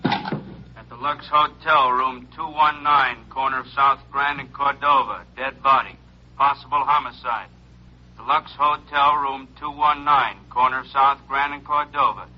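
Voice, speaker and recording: An actor playing a police dispatcher who reads calls slowly and repetitively through a radio speaker, on a muffled vintage broadcast. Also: male voice, medium pitch. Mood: monotone. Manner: slow, repetitive, monotone calls.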